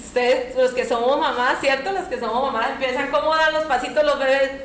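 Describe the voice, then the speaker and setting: A woman's voice: high voice, fairly even intonation, brisk. A woman preacher, delivering a sermon and often asking the audience questions. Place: church hall. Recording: echoey church room, faint noise.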